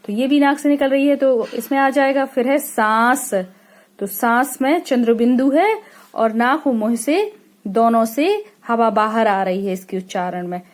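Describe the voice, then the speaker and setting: A woman from India teaching young children a lesson, stretching out sample words and checking in with a frequent "okay?". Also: fairly high pitch. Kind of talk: classroom lesson explanation.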